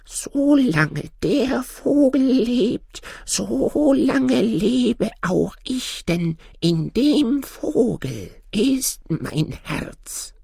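Creepy old sorcerer, squeaky high falsetto, dragging every word, fairy tale reading. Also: male voice, very animated, gravelly, a little mellow, husky, no echo, clean studio sound, heavily acted. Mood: ominous. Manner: high, slow, strained falsetto. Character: ancient heartless old sorcerer, slow and eerie.

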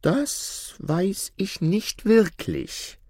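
A man's voice: sits high, sing-song, very slow, a little mellow, dry recording, studio quality, pitched above the performer's own voice, exaggerated voice. A man voicing a greedy, wily old tailor who haggles slyly for gold. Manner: sly and haggling.

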